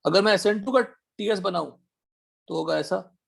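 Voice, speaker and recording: A man teaching an online chemistry class, firing quick questions at his students to check they follow. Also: high voice, creaky. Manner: quizzing students with rapid questions. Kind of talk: online chemistry class, Hindi mixed with English.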